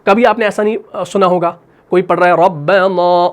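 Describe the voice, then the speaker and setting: A man with a Pakistani Urdu accent gives a tajweed lesson. He explains each rule patiently and says it again more than once. He stretches vowels out slowly to show how a recitation should sound. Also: high-pitched, fairly even intonation. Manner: explains patiently, repeats rules, models drawn-out recitation. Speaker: Quran recitation teacher.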